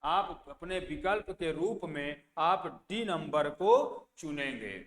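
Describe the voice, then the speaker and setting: In a fairly high, fairly bright, animated voice, a male math teacher moves slowly through an exam-prep lesson, repeating place values in a self-asked question-and-answer style. It's recorded in an echoey room with long reverb and slight background noise.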